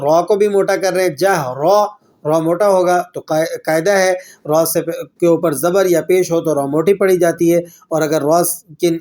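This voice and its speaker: A man teaching a tajweed lesson, explaining rules plainly and then reciting verses slowly and drawn out. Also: on the high side, a little mellow.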